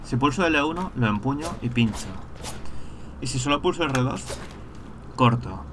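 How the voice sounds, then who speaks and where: A man giving casual let's-play commentary, thinking aloud and breaking into excited rants. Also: mid-range voice, normal speed, noisy background. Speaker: gameplay streamer.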